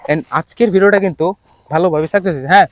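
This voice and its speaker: This young man vlogs outdoors in an open field, his voice sitting high and his speech fast as he rambles to his YouTube audience, full of fillers and restarted sentences. Now and then he yells over to a distant teammate; the sound is dry.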